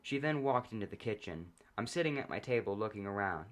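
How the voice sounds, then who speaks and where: Reading a comedic first-person story, a man with a low-leaning voice stays deadpan throughout and keeps the pace brisk.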